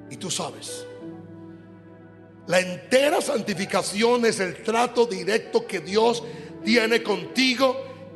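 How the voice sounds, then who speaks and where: High-voiced man preaching fervently. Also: a bit bright. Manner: emphatic, prays aloud and speaks in tongues, repeats phrases. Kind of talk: fervent sermon and prayer. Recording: echoey hall with music behind.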